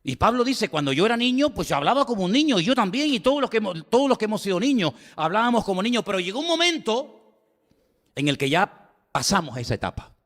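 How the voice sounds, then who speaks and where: A man's voice: high-pitched, very animated, fast, fairly bright tone, big-room sound. A man with a Spanish accent from Spain preaching a sermon. He speaks with emphasis, repeats phrases and puts rhetorical questions to the congregation. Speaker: pastor.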